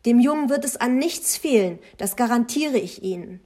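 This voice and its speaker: A woman's voice: on the high side, animated, normal speed, dark tone, pitched above the performer's own voice. A woman voicing a haughty older grandmother who scolds indignantly in an audiobook.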